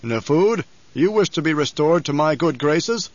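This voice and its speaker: A man voicing an older tyrant baron for an audiobook, coldly controlled and scheming, with a mocking, deliberate, imperious manner. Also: a little high, lively intonation, no room sound. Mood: menacing calm. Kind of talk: audiobook character voice. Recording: slightly dull, lo-fi audio.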